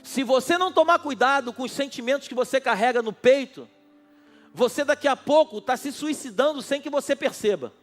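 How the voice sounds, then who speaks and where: A man's voice: extremely high pitch, lively intonation, a little fast, faint music behind. A male pastor preaching a sermon at a night church service, passionate and speaking straight to his listeners. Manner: impassioned, addresses listeners directly.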